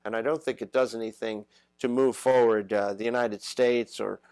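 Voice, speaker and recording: A man's voice: medium pitch, steady tone, a little mellow, clear, resonant tone, no room sound, low-quality recording. A man hosting a political talk show, stopping often with "uh" between phrases. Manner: halting, many "uh" fillers.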